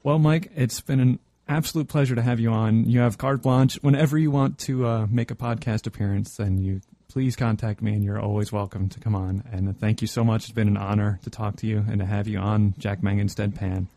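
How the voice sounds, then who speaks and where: A man's voice: lowish voice, steady tone, brisk, few pauses, warm tone, no room sound. A man hosting a podcast interview, friendly, rambling and self-conscious. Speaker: podcast host. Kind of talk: casual interview chat.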